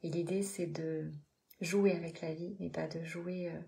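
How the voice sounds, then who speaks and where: Chatty woman meditation coach, low voice with a gravelly fry, halting and encouraging, many restarts. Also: fairly even intonation, dark tone. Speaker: meditation coach and channel host. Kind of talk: casual live-stream talk after a guided meditation.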